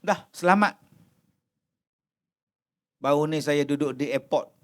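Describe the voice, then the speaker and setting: A man's voice: on the high side, slow pace. A man with a Malaysian Malay accent giving a humorous religious lecture, mimicking people in comic asides. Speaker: preacher.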